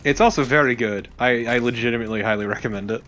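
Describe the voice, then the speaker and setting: A man serves as co-commentator on a let's play, talking quickly at medium pitch with a fairly bright tone. He comes across conversational, blunt and opinionated over the game music.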